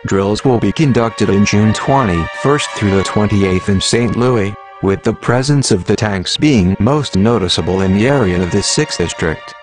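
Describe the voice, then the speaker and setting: A disguised, computer-generated male voice sits a little low in pitch. It reads a scripted manifesto as an anonymous announcer, in an even, mechanical recitation. Soft music plays faintly behind it. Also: normal speed, few pauses.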